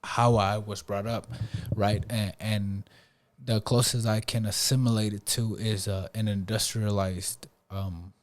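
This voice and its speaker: A man's voice: fairly low pitch, little pitch movement, a little slow, few pauses. A man hosting a podcast in a casual chat, laid-back and tagging his points with "bro" and "right?". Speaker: podcast host.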